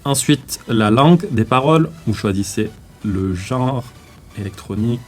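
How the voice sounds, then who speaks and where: A man with a French accent giving a casual, slangy music-marketing tutorial, often pausing with fillers while walking through an upload. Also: mid-range voice, lively intonation. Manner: slangy, hesitant with many fillers while clicking. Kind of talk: casual screen-recorded tutorial.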